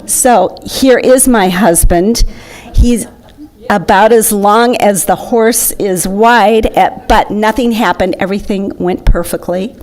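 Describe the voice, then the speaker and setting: A woman's voice: mid-range voice, slow, darkish tone. A woman giving an enthusiastic, chatty slideshow talk to an audience. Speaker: presenter.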